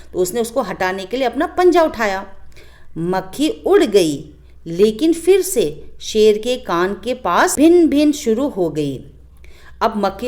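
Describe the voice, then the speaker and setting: A woman teacher walks young pupils through a storybook chapter. Her voice sits a little high, and her storytelling is animated. She keeps turning to the class with questions. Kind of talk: explaining a children's story lesson.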